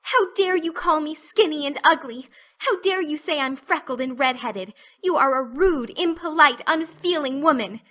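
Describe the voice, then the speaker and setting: A woman's voice: high-pitched, normal speed, few pauses, bright, forceful tone, pitched above the performer's own voice. A woman voicing a fiery, indignant young orphan girl with vehement delivery in a dramatized audiobook. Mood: indignant rage. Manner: vehement, emphatic.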